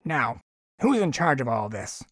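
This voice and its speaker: A man voicing an angry male alien with a stiff, clear, high-pitched way of speaking, in a dry audiobook reading. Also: big pitch swings, a little slow, no room sound. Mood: demanding. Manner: scolding, commanding. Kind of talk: audiobook character voice.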